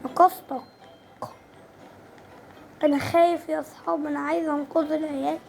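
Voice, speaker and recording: A woman with an Egyptian Arabic accent giving casual, excitable gameplay commentary, breaking into sudden squealing exclamations. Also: sits high, normal speed, vocal fry, slight background noise. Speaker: gaming channel host.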